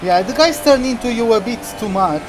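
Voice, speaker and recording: A man's voice: extremely high pitch, lively intonation, brisk. A man giving casual live commentary as they play a racing video game. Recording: loud engine noise behind voice. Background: racing game car engines.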